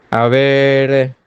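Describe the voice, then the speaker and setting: Speaking with a Paraguayan Spanish accent, a pastor from Paraguay gives Bible commentary and takes on listener comments through lively rhetorical questions pointed at his listeners. His mid-range voice is smooth, and the highs are cut off.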